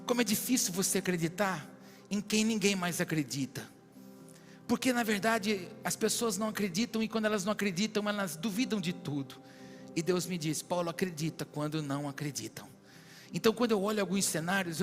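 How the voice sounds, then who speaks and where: A Brazilian pastor preaches in a high, ringing voice that climbs into shouted prophetic declarations. The sermon carries a long church-hall echo, with faint worship music underneath. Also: male voice, fairly quick. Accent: Brazilian Portuguese.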